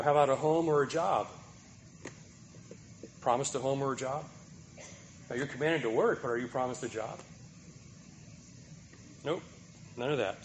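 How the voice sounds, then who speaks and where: A man's voice: medium pitch, a little hiss or hum. A man preaching a sermon, asking the listeners rhetorical questions and checking in with a repeated "right?".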